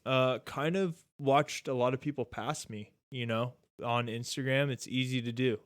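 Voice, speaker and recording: In casual podcast chat, a man in his thirties rambles in a laid-back way, filling his talk with "like" and "dude." His mid-range voice holds fairly even intonation at normal speed, with no room sound.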